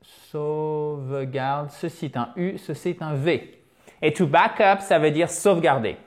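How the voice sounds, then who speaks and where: Man, English teacher, chatty online lesson, fairly high voice. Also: normal speed. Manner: lively, chatty, with asides to viewers.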